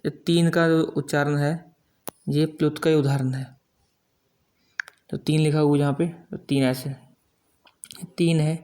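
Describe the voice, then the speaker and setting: A middle-aged man teaching a grammar lesson, explaining slowly and drawing out example sounds one by one. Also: a little high, mellow. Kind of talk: classroom-style grammar lesson.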